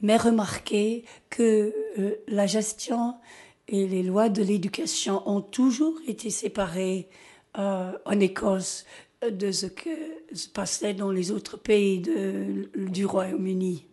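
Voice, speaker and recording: A woman's voice: medium pitch, steady tone, mellow. A woman from Scotland with a Scottish accent in her French, a native English speaker giving an informal presentation and often searching for words. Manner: halting, searching for words in a second language. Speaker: invited guest speaker.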